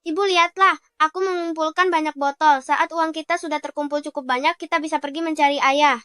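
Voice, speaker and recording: Brief: a determined small boy, very high, bright tone. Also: fairly even intonation, brisk, no room sound. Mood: earnest. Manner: earnest, determined. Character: poor earnest little boy collecting bottles. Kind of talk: dubbed drama acting.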